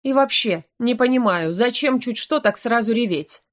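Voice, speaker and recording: A woman's voice: fairly high pitch, expressive, moderate pace, pitched above the performer's own voice, close to an everyday voice. Audiobook: sulky young male werewolf, a woman reader puts him on. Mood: exasperated. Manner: sulky, exasperated.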